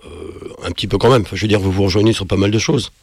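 A man interviewing an author, asking relaxed, conversational questions. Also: fairly low pitch, rapid-fire, no room sound, clean studio sound.

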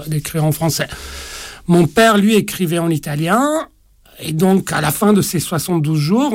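A man in his forties talks about his writing in a halting way, stopping and restarting his sentences. His voice is a little high and gravelly, and it is recorded close and dry. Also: no room sound. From Italy. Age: 40s. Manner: hesitant, many fillers and restarts. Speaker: author. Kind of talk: interview conversation.

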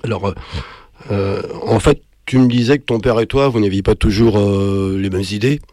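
A man interviewing an author, asking relaxed, conversational questions. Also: lowish voice, moderate pace, no room sound, clean studio sound.

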